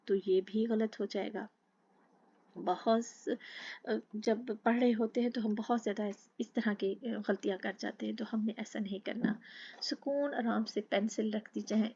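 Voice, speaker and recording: A woman teaching tajweed, patiently explaining each letter and then slowly chanting the verse. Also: fairly high pitch, darkish tone, breathy edge, highs cut off. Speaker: Quran recitation teacher. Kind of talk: slow tajweed lesson with recited examples.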